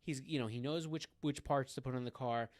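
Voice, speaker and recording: A man's voice: medium pitch, brisk, darkish tone. A man co-hosting a car podcast in casual chat, rambling with many fillers and restarts. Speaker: podcast co-host.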